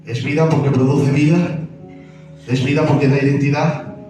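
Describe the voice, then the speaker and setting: A man's voice: fairly high pitch, steady tone, moderate pace. A man from preaching a sermon, emphatic, repeating key phrases and asking the congregation questions. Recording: very echoey hall, distant mic, music behind.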